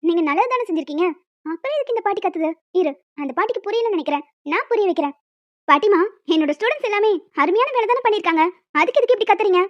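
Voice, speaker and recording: A woman's voice: extremely high pitch, expressive, racing, no echo, muffled recording. A woman voicing a self-satisfied, pompous female school warden in a cartoon. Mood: puzzled.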